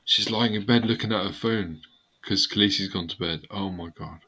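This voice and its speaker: A man's voice: fairly low pitch, moderate pace, pushed and bright, husky. A man hosting a casual live stream from home, joking around and laughing often. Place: home room near a staircase.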